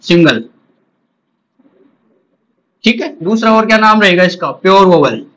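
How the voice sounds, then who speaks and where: Indian male teacher, high voice, drilling exam questions. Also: expressive, unhurried, a bit bright, rough recording. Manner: drills with repeated questions and answers. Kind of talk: exam-prep lecture.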